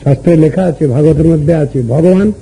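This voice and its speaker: Older guru guy preaching slow and steady, dark mellow voice, bit of hum behind. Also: a little high, gravelly, rough recording. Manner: measured, teaching with rhetorical questions and recited verses. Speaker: Vaishnava guru giving a discourse. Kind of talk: devotional sermon with chanted Sanskrit verses.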